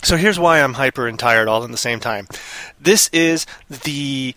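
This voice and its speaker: A man's voice: medium pitch, a little slow, pushed and bright, dry recording. Playful, rambling male live-show host. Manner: playful, ranting, slips into silly voices. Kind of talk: casual rambling chat.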